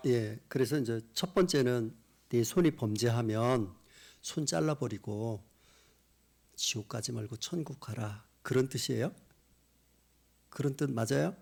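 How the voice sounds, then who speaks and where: A male pastor preaching a revival sermon in church, impassioned, dropping to hushed whispers and rising to loud cries. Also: medium pitch, measured pace, gravelly, long pauses.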